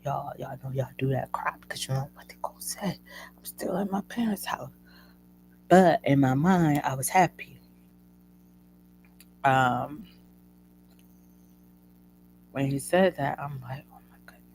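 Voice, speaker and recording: A woman's voice: rumbling low, unhurried, pauses often, darkish tone, a little hiss or hum, rough recording. A woman hosting a show who tells a personal story in a casual, chatty way and keeps addressing her listeners as "y'all.". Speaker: host.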